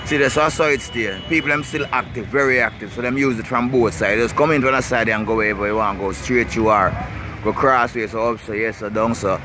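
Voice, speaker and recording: A man's voice: medium pitch, fairly even intonation, fairly quick. A man with a Jamaican accent and Rasta speech gives a casual, rambling walking-tour commentary, repeating short tags as he goes. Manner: rambling and repetitive, with tags like 'see', 'you know', 'blessed love'. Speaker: vlogger. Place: outdoors in a city park beside busy streets. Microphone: handheld camera while walking. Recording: noisy outdoor camera audio with traffic ambience.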